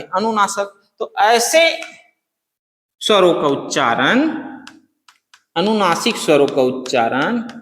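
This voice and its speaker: Man, teacher, high voice, asks and answers himself, echoey classroom. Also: a bit bright. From Chhattisgarh, India. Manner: repeats key terms, asks and answers own questions, stretches words to demonstrate. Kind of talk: classroom grammar lesson. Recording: echoey room with long reverb.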